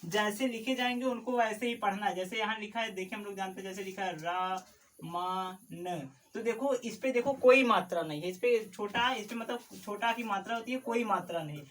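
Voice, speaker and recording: A man's voice: high-pitched, brisk, hardly any pauses, far from the mic. Man teaching syllables, away from the mic. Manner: repetitive, drills syllables aloud, sounding some forcefully and others softly; asks questions and answers them himself. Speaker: Hindi teacher. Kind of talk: classroom lesson on vowel marks.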